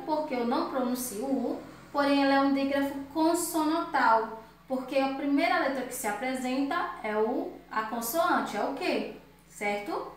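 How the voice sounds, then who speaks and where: A woman teacher giving a grammar lesson to children, drawing out words slowly and with emphasis. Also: sits high. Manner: slow, emphatic word-by-word drilling. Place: room at home. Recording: very echoey room, distant mic.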